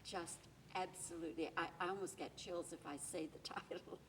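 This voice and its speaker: A woman asks an actress questions with gracious enthusiasm, her voice a little low. She sounds a bit away from the mic, with faint noise behind her. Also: steady tone, brisk, fairly bright tone, distant mic, low-quality recording. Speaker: interviewer. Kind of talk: TV entertainment interview.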